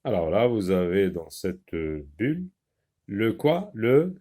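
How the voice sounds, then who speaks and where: A man teaching a primary-school French reading lesson, sounding out words syllable by syllable, repeating them, and pausing with "euh" while he explains. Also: lowish voice, sing-song, mellow.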